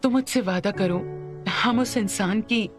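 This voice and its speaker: A woman dubbing a gentle widowed mother who softly coaxes her grown son to help someone. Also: medium pitch, a little slow, faint music behind, close to an everyday voice. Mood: coaxing. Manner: soft, coaxing, pleading. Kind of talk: Hindi dub of a drama.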